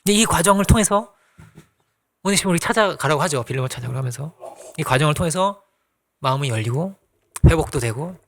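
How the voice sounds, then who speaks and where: A man preaching a conversational sermon as pastor, acting out quoted lines and dropping to soft asides. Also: fairly high pitch, lively intonation, a little fast, gravelly, long pauses.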